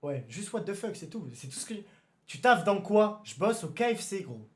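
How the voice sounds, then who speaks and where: A young man streaming live, chatting casually with his viewers, excitable and given to sudden shouted exclamations before calming down again. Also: high voice, moderate pace. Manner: excitable, bursts into shouted exclamations then calms down. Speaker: livestreamer. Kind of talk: casual livestream chat with viewers.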